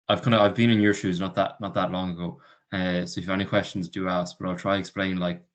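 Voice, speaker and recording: A man in his twenties from Galway with a west of Ireland accent, giving an informal account as an alumnus, often saying "like" and "kind of". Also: low-pitched. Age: 20s. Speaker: alumnus speaker. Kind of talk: informal personal account to prospective students.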